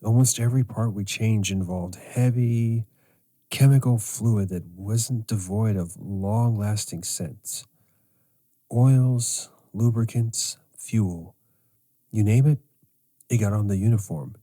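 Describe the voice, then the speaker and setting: A middle-aged man hosting a podcast as a sleep coach, speaking in a slow, measured way. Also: fairly low pitch, warm tone. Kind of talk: scripted podcast monologue.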